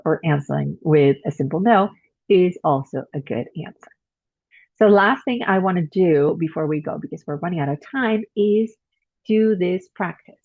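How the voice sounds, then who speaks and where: A woman's voice: on the low side, vocal fry, husky, dry recording. A woman teaching an English grammar lesson, explaining patiently and acting out her example sentences. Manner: explains patiently with spoken examples and self-corrections. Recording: tinny phone-like audio, dry.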